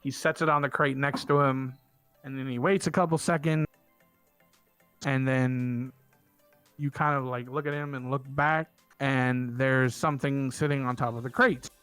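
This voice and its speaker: A man's voice: medium pitch, fairly even intonation, a bit bright, smooth, no room sound, soft background music. Hesitant male game master narrating. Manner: halting, with many fillers and restarts.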